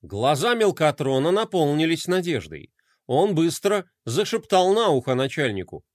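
A man reads a children's storybook aloud with animated, expressive delivery. His voice is high and swings widely in pitch. The recording is dry and close, with no room sound. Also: moderate pace, dry recording. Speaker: narrator.

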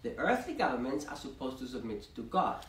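A man with an Austrian accent preaching a sermon in English, pausing after each short phrase for his interpreter. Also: mid-range voice, big pitch swings. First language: German.

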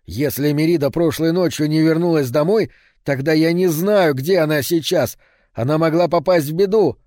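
A man voicing an anxious young man who pleads and half shouts in an audiobook reading. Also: fairly high pitch, normal speed, no echo, studio quality, pitched above the performer's own voice, natural voice. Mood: urgent.

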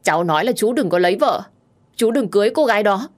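A woman's voice: mid-range voice, lively intonation, moderate pace, voice pushed up, lightly acted. A woman voicing a drunk, tearful young woman who is stubborn and clingy, whining and pleading. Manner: whiny, insistent, pleading.

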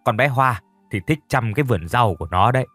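A man's voice: mid-range voice, lively intonation, fast, a bit bright, no echo, soft background music. A man voicing a blunt, grumbling old grandmother. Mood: plain.

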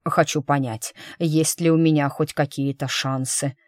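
Sex: male figure in disguise, voiced by a woman. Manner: slow, measured, low-key, calculating. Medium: audiobook. Pitch: lowish and level. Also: steady tone, a little mellow, no room sound, clean studio sound. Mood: measured scheming. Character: man disguised as a young lady, calculating.

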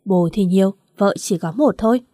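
A woman's voice: medium pitch, moderate pace, dark tone, no room sound, close to an everyday voice. Woman reading weak careless husband, flippant, dry close read. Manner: slurred, flippant.

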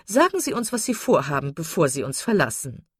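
A woman's voice: sits low, big pitch swings, brisk, slightly rough, dry recording, clean studio sound, exaggerated voice. A woman voicing a gossipy, prying older woman in a read-aloud novel, eager and nosy.

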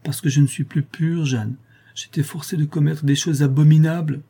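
Guy doing a guilty young nun, higher voice than his own, husky. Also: steady tone, normal speed, mellow. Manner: earnest, self-reproaching. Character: troubled young nun, earnest.

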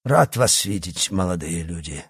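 A man's voice: deep voice, lively intonation, unhurried, husky, exaggerated voice. A man voicing a courteous, generous old baron in an audiobook. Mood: genial. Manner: courteous and warm. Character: genial wealthy old baron. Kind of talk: audiobook character voice.

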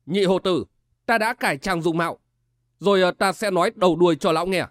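A man's voice: high-pitched, fairly quick, no echo, studio quality, lightly acted. A man voicing an agitated young nobleman who speaks urgently and commandingly.

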